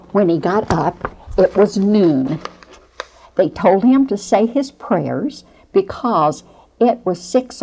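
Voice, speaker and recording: An older woman telling a children's missionary story with picture boards, in a slow, earnest storyteller's way, recorded on a lapel mic in a small studio. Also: on the low side, dark tone, breathy edge, poor audio. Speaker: Bible storyteller. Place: small studio before a painted cloud backdrop.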